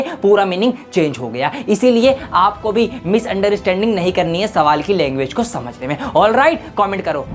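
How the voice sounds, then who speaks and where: A woman's voice: fairly high pitch, a little hiss or hum. A woman teacher speaking with some English, giving students emphatic warnings about exam mistakes. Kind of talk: exam tips lesson.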